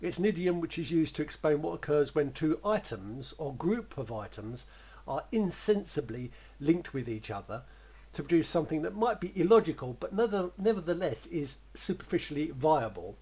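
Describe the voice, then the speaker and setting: A man talks through a creative writing exercise in a loose, rambling way and chuckles as he goes. His voice is husky and sits fairly high for a man. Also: lively intonation, normal speed, a little mellow, rough recording. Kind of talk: spoken writing lesson.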